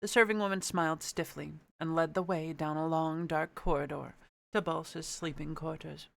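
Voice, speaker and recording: A man's voice: on the high side, steady tone, normal speed, creaky, a bit bright. A man reading a storybook aloud and chatting casually, with a playful, sweary manner. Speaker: amateur book reader. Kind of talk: casual chat and storybook narration.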